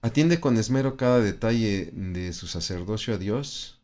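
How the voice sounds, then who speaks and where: A man's voice: on the low side, expressive, moderate pace, a little mellow. A man teaching a Bible study lesson in a conversational way, with frequent tag questions and restarts. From Mexico.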